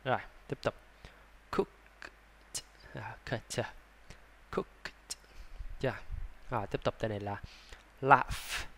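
A man with a Vietnamese accent teaching English pronunciation, sounding out words slowly, repeating them and adding chatty asides. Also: medium pitch, fairly even intonation, slight background noise. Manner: breaks into soft laughs and chatty asides. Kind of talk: slow, drawn-out pronunciation lesson.

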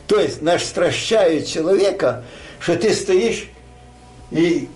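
A man's voice: sits high, expressive, slow, a little mellow, faint music behind. An older man telling a war story like a grandpa, rambling and colloquial, acting out dialogue. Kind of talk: casual oral war storytelling.

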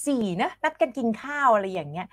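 Lively woman teaching English online. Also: medium pitch, fast, no echo. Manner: chatty, laughs often, coaxes students to answer. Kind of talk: live online English lesson.

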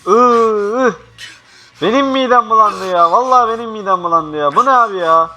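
A young man playing a horror game, swearing and jumpy, swinging from panicked yells to hushed mutters. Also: high voice, quick pace. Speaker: gaming youtuber. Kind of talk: horror game let's play commentary.

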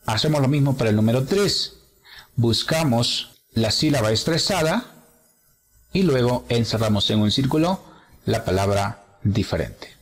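A man teaching an English lesson, speaking slowly and patiently as he walks through each exercise. His pitch rises and falls a lot as he stresses words, and the room adds a long reverb tail behind him. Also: expressive. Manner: slow, explanatory, switches between English examples and Spanish explanation. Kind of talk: bilingual grammar lesson walkthrough.

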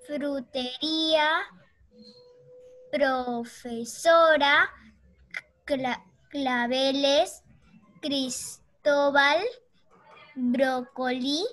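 A student reading a list of words aloud, sounding them out syllable by syllable. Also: female voice, sits high, pushed and bright.

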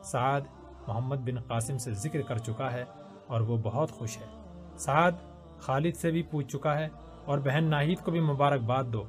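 A man voicing an earnest young soldier who speaks gently and with care to his younger sister. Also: medium pitch, soft background music, close to an everyday voice. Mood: tender. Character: earnest young soldier, caring older brother.

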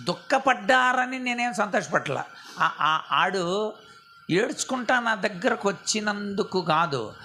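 A male pastor preaching a sermon, often asking the audience questions and acting out prayers in a soft, low voice. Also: lively intonation, measured pace, a little hiss or hum. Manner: asks the audience rhetorical questions.

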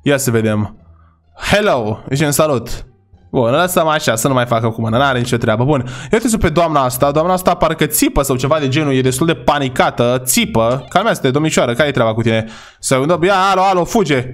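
With a medium-pitched voice over soft background music, this gaming YouTuber chats casually through his gameplay. Addressing viewers as his boys and brothers, he frequently shouts at the in-game characters in excitement.

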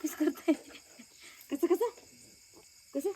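High-voiced woman vlogging. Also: slow pace, warm tone, slight background noise. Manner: chatty, coaxing a toddler with questions. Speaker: village vlogger. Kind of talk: casual home vlog chat.

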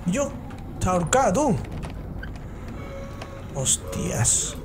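A man's voice: a little high, a little fast, over music. A man streaming a horror game, swearing and reacting with jokey running commentary. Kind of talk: horror game let's play.

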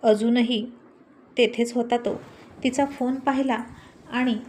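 A woman narrating a dramatic story in a vivid, expressive reading voice. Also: a little high, takes it slowly, slight background noise.

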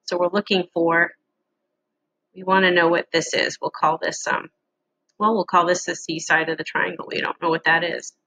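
A middle-aged woman giving a casual, halting lesson walkthrough with frequent pauses, as an instructor on a screen-share recording. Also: fairly low pitch, little pitch movement, pushed and bright, a little hiss or hum, rough recording.

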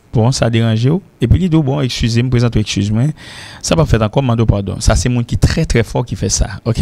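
Gravelly man drilling pronunciation. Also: medium pitch, no echo. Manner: repetitive drilling of pronunciation, frequent "ok?". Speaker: English teacher on radio. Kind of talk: radio English lesson in French.

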